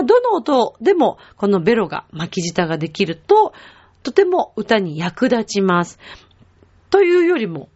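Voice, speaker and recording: A woman's voice: a little high, darkish tone. A woman teaching a vocal lesson, patiently explaining and demonstrating sounds for her listeners to copy. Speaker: singing teacher. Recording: dull lo-fi web show audio.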